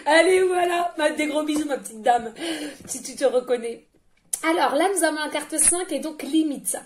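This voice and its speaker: Loud, high-voiced French-speaking woman reading cards. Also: normal speed. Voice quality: loud, carrying voice. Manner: chatty, laughs often, hesitant fillers. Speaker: tarot card reader. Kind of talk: casual card-reading guidance. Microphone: no microphone, picked up by the device directly.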